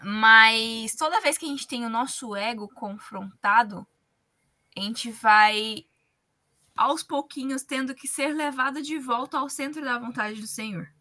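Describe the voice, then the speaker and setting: A woman with a Brazilian Portuguese accent speaks in a high, bright, forceful voice. She explains her points colloquially, in the manner of a conversational religious discussion. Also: unhurried.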